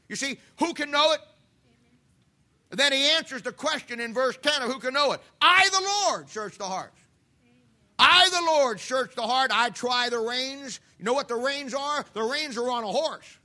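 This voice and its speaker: A man in his fifties preaches to his church in a fervent, folksy way, circling back on his phrases. His voice sits high for a man and comes across sharp and forceful. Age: 50s. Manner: impassioned preaching with folksy asides and repetitions. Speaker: pastor. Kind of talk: sermon.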